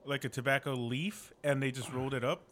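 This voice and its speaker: A man's voice: mid-range voice, fairly even intonation, a little fast, fairly bright tone. A man co-hosting a podcast, chatting casually in an offhand, informal way. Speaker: podcast co-host. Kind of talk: casual chat.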